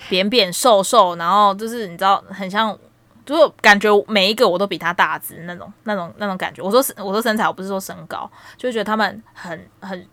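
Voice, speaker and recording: A woman of about thirty, co-hosting a casual chat and telling stories in an animated way with frequent laughter. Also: mid-range voice, dry recording. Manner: animated storytelling, laughs a lot. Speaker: podcast co-host.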